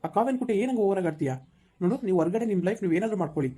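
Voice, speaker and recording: A woman's voice: mid-range voice, animated, racing, mellow, slightly rough. A woman playing a stern middle-aged male office boss who lectures and scolds an employee in a village skit. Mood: scolding.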